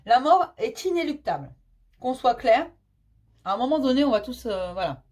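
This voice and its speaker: With a high, sing-song, slightly mellow voice at normal speed, a woman medium gives a casual tarot reading. She speaks affectionately and reassuringly, using "mon petit chéri", with many fillers and repeats in her chatty flow.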